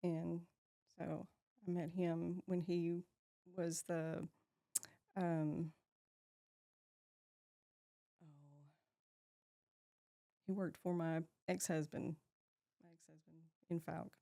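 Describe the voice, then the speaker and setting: Slow and full of pauses, this woman's lowish, gravelly voice has a dark, level tone on a dry recording. She's a Texan shop owner in her 50s, a guest in a casual interview chat who laughs a lot and leaves sentences unfinished.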